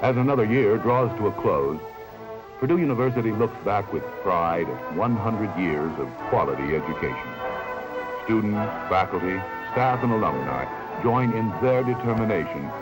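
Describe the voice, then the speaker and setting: A man gives a measured, formal 1970s newsreel narration. His voice is on the lower side. Music plays plainly under his words. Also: expressive, low-quality recording. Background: music bed.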